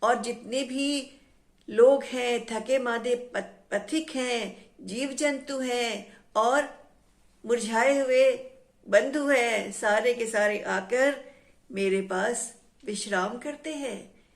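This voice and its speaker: A patient, gently teasing shadow, as a woman storyteller puts her on, speaking softly and evenly in rhyme. Her pace is slow and unhurried. It is a children's storybook telling. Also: on the high side. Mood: calm. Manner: soft, even, rhyming speech.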